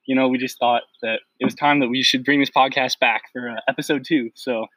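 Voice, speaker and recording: Male co-host, mid-pitched, blunt and easygoing, dry close mic. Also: fairly even intonation, fairly quick, bright, forceful tone, no room sound. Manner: blunt, easygoing, laughs often. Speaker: podcast co-host. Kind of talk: casual chat.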